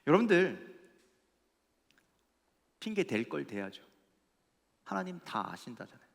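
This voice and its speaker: Gravelly, high-pitched preaching man. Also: very animated, a little slow. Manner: emphatic preaching with rhetorical questions to the congregation. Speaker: pastor. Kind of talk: sermon. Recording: echoey church hall.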